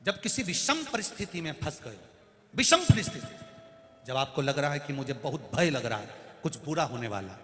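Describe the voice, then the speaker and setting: A man's voice: mid-range voice, animated. Emphatic male preacher in echoing hall. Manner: emphatic, drawn-out words, swings between loud and hushed. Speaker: devotional storyteller-preacher. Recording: roomy hall reverb through PA.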